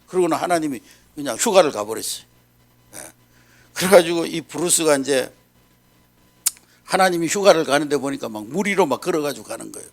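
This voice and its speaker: A male pastor telling a story in an animated sermon, often checking in with the congregation. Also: fairly high pitch, brisk, vocal fry, pauses often.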